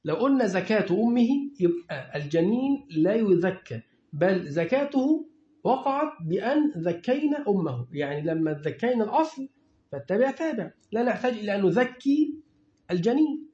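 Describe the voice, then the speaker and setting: Egyptian man, religious teacher, high voice, fires quick questions at his class; dull, lo-fi recording. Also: big pitch swings, mellow. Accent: Egyptian Arabic. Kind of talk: classroom lecture. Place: lecture room with students. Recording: echoey room, dull lo-fi sound.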